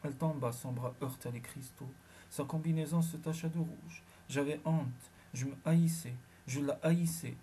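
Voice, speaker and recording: A man narrating a science fiction audiobook in the first person, measured and dramatic. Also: fairly high pitch, steady tone, dark tone, a little hiss or hum.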